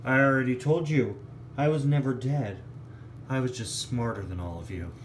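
A man's voice: medium pitch, normal speed, noisy background, natural voice. Guy putting on a bossy smug bad-guy toy car, kinda echoey. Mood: haughty. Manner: haughty, scornful, commanding.

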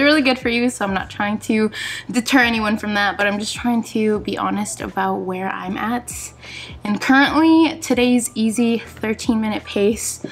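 A young adult woman talks to her camera at home in a casual, candid way. Her voice sits at a middle pitch. She is conversational and a little self-deprecating, like a personal vlog recorded in a kitchen. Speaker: vlogger. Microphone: camera at about arm's length.

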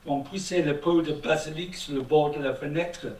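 A man's voice: a little high, fairly even intonation, normal speed, darkish tone. A man with a British accent, speaking French, reads a wry, slangy text aloud to an evening audience. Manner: dry, ironic, slangy delivery. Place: event hall. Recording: echoey hall, mic from far off.

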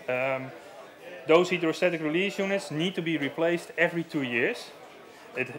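With a voice on the high side and a bit bright, a Dutch-accented man in his thirties presents safety equipment in a live demo within a large marquee at an outdoor show. He talks through a headset mic, explaining plainly and filling pauses often.

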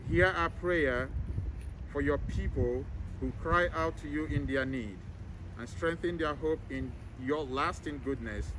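A man leading a solemn graveside prayer as a priest, reciting in a measured, formal way outdoors. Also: a little high. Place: outdoors in an open cemetery. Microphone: camera several meters away, speaker masked. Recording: outdoor recording with clear background noise.

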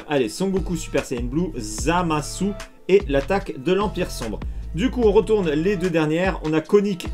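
A chatty, excitable man with a fairly high voice talks straight to his viewers as he opens trading card packs. His commentary is casual, and soft music plays faintly underneath. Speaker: card unboxing youtuber.

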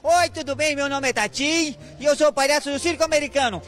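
A man playing a silly, excitable circus clown with a playful Brazilian delivery, speaking on live TV. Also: very high-pitched, quick pace. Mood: playful, excited. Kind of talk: live TV interview in character. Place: large circus ring indoors. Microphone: reporter's handheld microphone. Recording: music playing behind.

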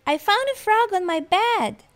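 Storybook kid: woman reader voicing a loud, eager little boy, very high and bouncy. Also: a little slow, faint music behind. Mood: excited yelling. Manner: yelling with excitement. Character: excited six-year-old boy, eager and loud.

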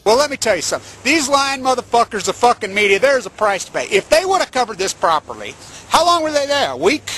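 A vlogger ranting angrily, swearing nonstop at the news. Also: female voice, on the high side, very animated, quick pace, fairly bright tone, husky. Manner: furious, swears constantly. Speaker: video ranter. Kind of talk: angry profane rant.

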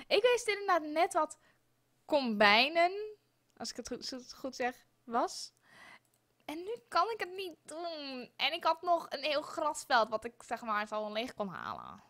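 A woman's voice: high-pitched, sing-song, unhurried. Exasperated young woman streamer, swearing. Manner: exasperated, swearing, loud outbursts. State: sore throat. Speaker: live streamer. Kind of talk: frustrated live game stream.

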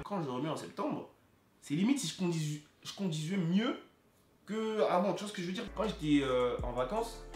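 Young man telling a dramatic story, echoey. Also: fairly high pitch. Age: young adult. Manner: animated, dramatic, slangy storytelling. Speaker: vlogger. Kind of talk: storytelling vlog. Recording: roomy echo with music behind.

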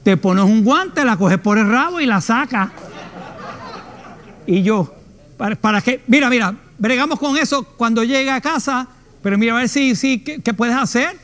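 Animated Puerto Rican man hosting comedy. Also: very high-pitched, moderate pace. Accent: Puerto Rican Spanish. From Puerto Rico. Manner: animated storyteller, acts out voices with shrieks. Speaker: comedy show host. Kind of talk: comic storytelling monologue. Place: television studio.

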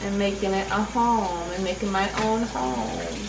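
A very animated young woman with a mid-range voice talks a little slowly as she vlogs in her apartment's kitchen and living room. Rambling and fixing her words as she goes, she's captured by a camera mic a few feet away, with room echo and faint background noise.

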